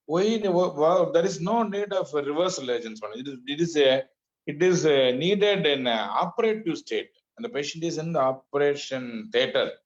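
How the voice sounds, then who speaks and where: A man with a South Indian accent lecturing as a doctor, politely, in a halting, repetitive way. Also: a little high, lively intonation, highs cut off. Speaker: doctor giving a medical lecture. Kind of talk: webinar lecture and question answering.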